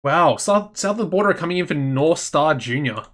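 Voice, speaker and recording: An Australian man chatting casually as he plays a management game, thinking aloud and getting excitable. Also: fairly high pitch, quick pace. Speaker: gaming channel host.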